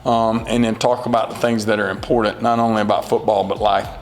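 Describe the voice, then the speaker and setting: A man in his forties, a high school football coach, answering interview questions in an earnest, rambling way with many fillers. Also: flat delivery, fast talker, in a large hall, slight background noise, poor audio. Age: 40s.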